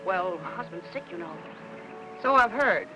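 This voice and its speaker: A woman's voice: on the low side, expressive, unhurried, muffled recording, music in the background. An actress playing a polite, slightly hesitant neighbor woman in a 1950s film. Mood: polite helpful.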